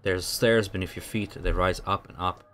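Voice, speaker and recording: A man narrating a tabletop role-playing game as game master, setting scenes in a halting, descriptive way. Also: sits low, fairly even intonation, a bit bright.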